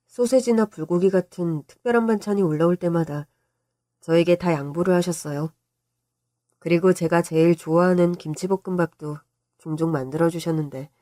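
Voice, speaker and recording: A woman's voice: on the low side, warm tone, no room sound, clean studio sound. A woman reading a scripted story in a fond, reminiscent way. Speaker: story narrator.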